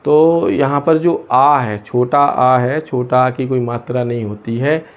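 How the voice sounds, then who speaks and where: A man teaching a lesson from India, pausing often and asking questions he then answers himself. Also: mid-range voice, steady tone. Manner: asks and answers his own questions, many hesitations. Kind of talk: explaining a lesson.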